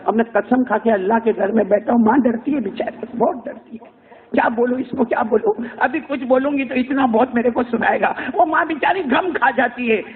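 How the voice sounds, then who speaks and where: A man delivers an emotional sermon in a high voice, swinging from tearful pleading to near shouting as he urges his listeners to respond. The recording is thin and phone-like, with little low end. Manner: calls on the crowd to answer back. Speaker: preacher. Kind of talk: emotional Urdu sermon storytelling. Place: mosque. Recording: tinny, narrow phone-like sound.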